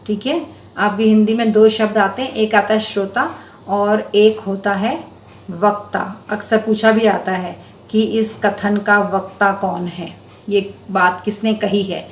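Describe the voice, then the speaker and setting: Lady teacher walking kids thru a hindi lesson, patient, calls them beta, roomy echo and faint hum. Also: medium pitch. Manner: patient, explains terms step by step to children; addresses students affectionately as beta. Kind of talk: school lesson explanation.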